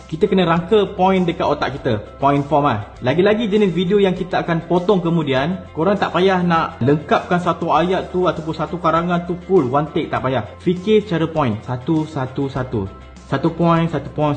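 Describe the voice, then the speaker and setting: A man with a Malaysian Malay accent giving casual step-by-step tips to camera, explaining in an easygoing way. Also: on the high side. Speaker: content creation coach. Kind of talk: casual instructional talk to camera.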